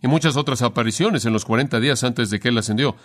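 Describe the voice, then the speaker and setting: A man preaching an expository sermon, telling the story with lively rhetorical questions. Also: medium pitch, quick pace.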